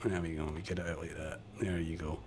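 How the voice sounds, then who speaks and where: A man's voice: a bass voice, flat delivery, quick pace, darkish tone, a little hiss or hum. Man chatting through a build stream. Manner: chatty, muttering while building, self-deprecating. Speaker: game streamer. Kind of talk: casual live-stream tutorial commentary. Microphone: desk condenser microphone.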